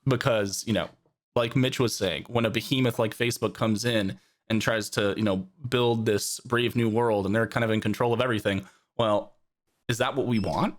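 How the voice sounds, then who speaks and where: A man's voice: fairly low pitch, steady tone, moderate pace. A young man co-hosting a casual podcast chat, rambling and searching for words as he talks. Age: young adult. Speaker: podcast co-host.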